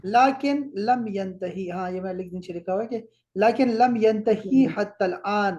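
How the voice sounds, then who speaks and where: Brief: Pakistani man, Arabic teacher checking homework, repeats words slowly. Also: high-pitched, darkish tone. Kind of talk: correcting homework in class.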